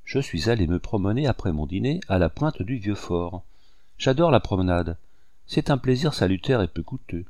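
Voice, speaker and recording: A man voicing a cold, mocking English gentleman with haughty courtesy, in a storybook reading. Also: lowish voice, expressive, normal speed, no echo, studio quality, natural voice. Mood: sly.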